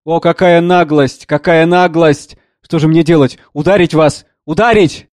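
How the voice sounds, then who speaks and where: A man's voice: on the high side, steady tone, a little slow, darkish tone, no echo, clean studio sound, close to an everyday voice. A man voicing an anguished, proud aging professor who speaks in lofty, declamatory outbursts.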